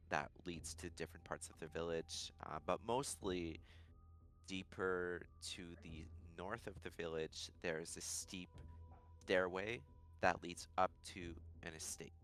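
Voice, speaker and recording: A man narrating a tabletop game as game master, calm and descriptive with frequent fillers. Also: low voice.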